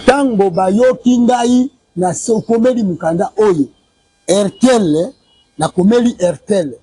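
A high, warm, breathy voice speaks unhurriedly in a dry recording. The speaker, a Congolese man in his forties, stands in an outdoor courtyard by a building with a lapel mic, recounting a complaint about a family money dispute in a street interview. He's insistent, repeating dates and sums and waving documents.

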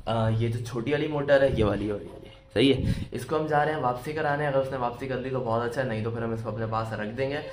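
A man's voice: mid-range voice, fast, noisy background. A man in his thirties from Pakistan, chatting casually to viewers in a home vlog while working on a water pump. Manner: chatty, addresses viewers as brothers. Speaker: vlogger. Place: home rooms and utility corner, indoors. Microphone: phone camera at arm's length.

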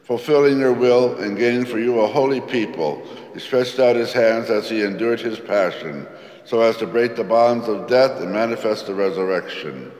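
A man leads the liturgy in a low, solemn voice, reciting each prayer at a steady, measured pace. His words ring out with a long cathedral echo, as in a large, roomy church. Each phrase hangs in the air of the hall. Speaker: priest. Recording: long echoey church reverb.

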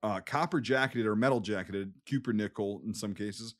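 A man's voice: lowish voice, normal speed. A man with a Wisconsin accent explaining things emphatically and with frequent swearing, in a casual podcast discussion. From Wisconsin, USA. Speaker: podcast co-host. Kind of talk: casual war history discussion.

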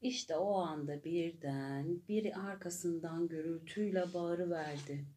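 A woman narrating a children's story in a slow, gentle and clear way. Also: lowish voice.

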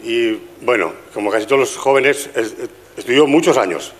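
A man's voice: medium pitch, lively intonation, normal speed. An older man from Spain with a Spanish accent, doing a chatty stand-up comedy routine at a gala and teasing the audience. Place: live stage with audience.

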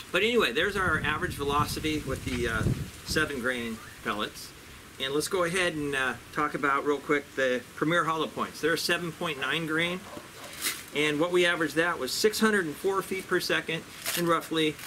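A man hosting a casual airgun review at an outdoor range, chatty and relaxed with frequent fillers. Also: fairly high pitch, background noise.

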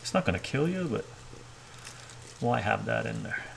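A man's voice: fairly low pitch, sing-song, moderate pace, creaky, slight background noise. A middle-aged man hosting a cooking livestream from his home kitchen, chatting casually and ending his sentences with "right?". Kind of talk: casual chat while cooking.

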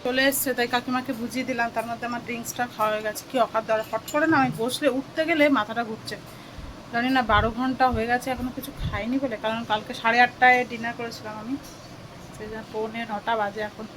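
Woman vlogger, slightly high voice, chatty everyday commentary, handheld phone, noisy background. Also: fairly even intonation, fast, fairly bright tone. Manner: chatty, talks while doing chores. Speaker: vlogger and mother. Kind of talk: casual running commentary to the viewers. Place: market outdoors, then at home. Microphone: phone held in hand.

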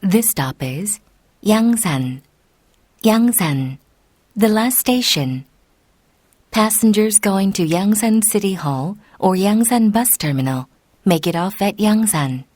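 A woman reading a prerecorded train station announcement in a slow, deliberate, formal manner. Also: medium pitch, expressive, darkish tone, no room sound. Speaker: subway announcer.

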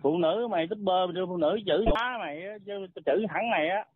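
A man's voice: high-pitched, fast talker, breathy edge, no echo. A man arguing heatedly on a phone call, blunt, insulting and threatening. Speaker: caller. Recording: tinny phone line, dry.

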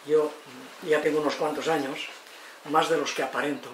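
Talking fairly quickly in a highish voice, an expressive Spanish lecturer in his eighties covers psychology and education, often tagging on "eh?" and performing the people he quotes. His lively talk is captured by a distant mic in a roomy space with faint noise.

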